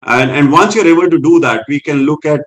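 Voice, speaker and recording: A man, a panel guest who talks in a measured, businesslike way with some hesitations. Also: a little high, a bit bright, poor audio. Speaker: hotel general manager, panel guest. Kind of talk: panel discussion.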